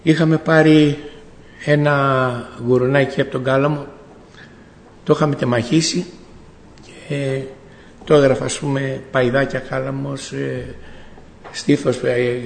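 A man's voice: medium pitch, level tone, gravelly, long pauses, a little hiss or hum. A middle-aged man giving a spoken faith testimony to a congregation, telling the story in a storytelling way, acting out bits of dialogue and often correcting himself. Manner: storytelling, acts out dialogue, frequent self-corrections. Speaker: church member giving testimony. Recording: echoey hall with long reverb.

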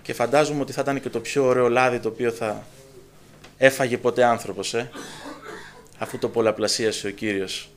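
A man preaching a sermon to a congregation, dramatic and emphatic, dropping to a hush and then rising loud, acting out quoted dialogue. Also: mid-range voice, fairly even intonation. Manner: acts out dialogue in quoted voices.

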